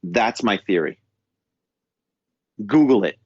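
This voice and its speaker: A man's voice: lowish voice, animated, takes it slowly, a little mellow, husky, no echo, highs cut off. A man with a New York accent, co-hosting a podcast in a casual, rambling chat with many restarts and stammers. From New York State. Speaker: podcast co-host. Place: London.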